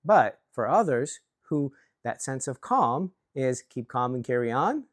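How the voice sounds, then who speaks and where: A man's voice: mid-range voice, big pitch swings, a little slow, dry recording, clean studio sound. A man from Chicago giving an earnest, self-reflective talk to camera about workplace leadership, often restarting his words. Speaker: leadership coach.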